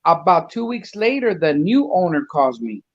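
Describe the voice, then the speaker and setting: A man's voice: fairly high pitch, very animated, normal speed, no room sound, muffled recording. A man casually telling a long story on a talk show, mixing in a few Spanish words and acting out what other people said. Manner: rambling, acts out the people in his stories, drops Spanish words. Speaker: guest, custom truck builder.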